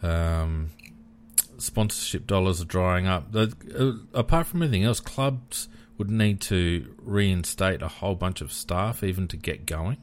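An Australian man hosting a casual sports discussion, measured and hesitant as he thinks aloud. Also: low-pitched, lively intonation, a little hiss or hum.

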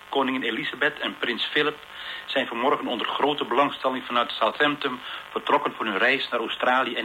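An actor playing a radio newsreader who reads the bulletin in a measured, formal way. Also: male voice, mid-range voice, pushed and bright, a little hiss or hum, rough recording. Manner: measured formal news delivery.

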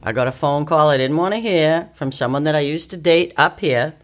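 A middle-aged woman telling her story in casual chat, candid, with quick asides and frequent laughter. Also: deep voice. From Italian-American family, northeastern US. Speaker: podcast guest.

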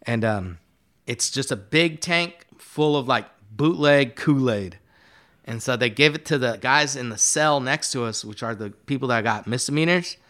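A guest artist on a podcast tells a long, rambling story in a casual, profane way, loaded with fillers. His voice is medium in pitch, a bit bright, and moves at a normal speed.

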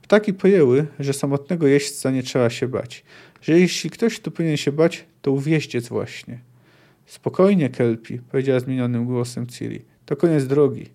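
Male podcast host, dark mellow voice, mid-pitched, reads aloud then rambles thoughtfully. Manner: thinks aloud, discursive and unhurried. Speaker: podcast host reading and discussing a novel. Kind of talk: reads book passages aloud, then comments casually.

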